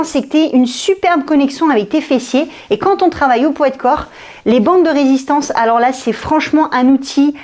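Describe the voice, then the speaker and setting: Fitness coach, woman, high voice, slight accent; cues moves straight to the viewer, energetic and directive. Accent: slight foreign accent. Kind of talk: workout instruction.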